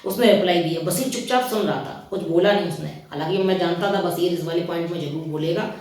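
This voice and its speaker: A man's voice: sits high, fast talker, darkish tone. A man giving casual, opinionated spoken commentary on a reality show, chatting straight at his listeners. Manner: chatty, opinionated, keeps addressing listeners as brother. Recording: very echoey room, far from the mic.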